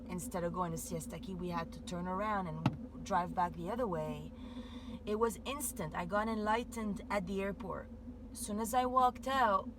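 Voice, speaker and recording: A woman giving a meandering spiritual monologue, full of "like" and "you know" fillers. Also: fairly low pitch. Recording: steady background noise.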